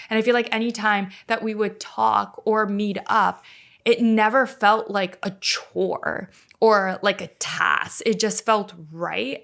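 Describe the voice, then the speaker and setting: Relaxed and casual, a podcast guest in her thirties, raised in Canada with Slovak as her native language, fills her conversation with "like" and other filler words. Her voice is mid-range and creaky.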